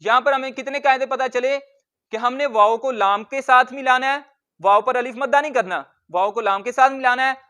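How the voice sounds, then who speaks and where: A man teaching Quran reading in a word-by-word tajweed lesson, patiently explaining rules and slowly sounding out letters and words. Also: very high voice, bright, forceful tone, clear, resonant tone.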